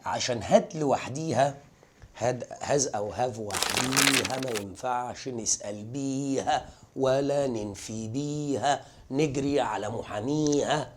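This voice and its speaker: A man's voice: mid-range voice, a little slow, very noisy. A man with an Egyptian Arabic accent teaching English grammar for exam prep, quizzing his students and repeating the key points with emphasis.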